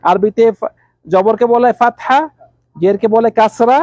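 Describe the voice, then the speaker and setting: A man teaching Arabic letters to a class, calling on students by name and repeating letter sounds slowly. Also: high-pitched, steady tone, a little mellow, dry recording, dull audio.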